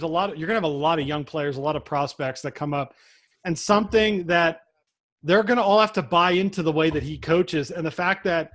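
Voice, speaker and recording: A man's voice: sits high, a bit bright, no room sound. A young man hosting a casual sports podcast, teasing his co-hosts and laughing often. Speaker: podcast host.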